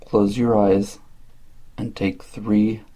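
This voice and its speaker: A man with a deep-set, fairly dark voice reads a slow, scripted guided meditation in a calm, measured way. His delivery is very even and soothing, carrying a husky, gravelly grain.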